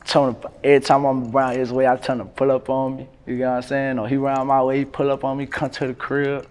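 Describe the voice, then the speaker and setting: A man, talking casually in an interview, relaxed and slangy with lots of fillers. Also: mid-range voice, quick pace. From North Carolina, USA. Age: 20s. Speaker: rapper, interview guest. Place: indoors by a brick wall.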